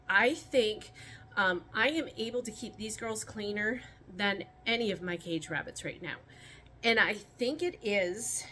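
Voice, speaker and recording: A woman with a bright, forward voice talks casually outdoors, rambling and restarting her sentences with lots of ums. A faint hum of open-air ambience sits behind her. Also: medium pitch. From Michigan. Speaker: rabbit keeper vlogger. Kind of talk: casual talk while handling rabbits. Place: outdoors by a rabbit colony pen.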